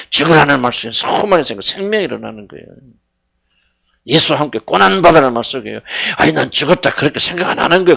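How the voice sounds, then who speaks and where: A middle-aged man preaching a sermon as senior pastor, fervent, swinging between loud cries and hushed words, questioning his congregation. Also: mid-range voice, vocal fry. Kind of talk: sermon at a Friday prayer meeting.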